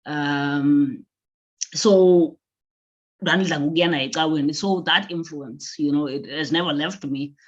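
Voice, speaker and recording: A South African woman with a Xhosa accent, a guest author chatting casually in a mix of two languages, haltingly and repeating words. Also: low-pitched. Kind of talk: casual conversation, mixing English and isiXhosa. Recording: dull, lo-fi sound.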